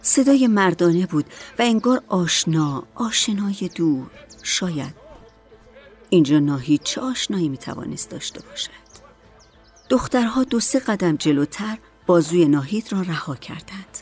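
A woman narrating a story as an audiobook in a calm, measured way. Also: on the low side, breathy edge, faint music behind.

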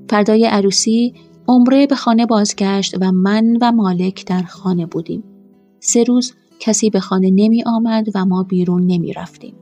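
Mellow-voiced woman narrating a story. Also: mid-range voice. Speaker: audiobook narrator. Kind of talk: first-person scripted narration.

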